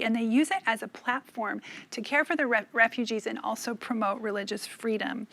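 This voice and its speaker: A woman's voice: a little high, a bit bright. A woman presenter telling a story about a colleague.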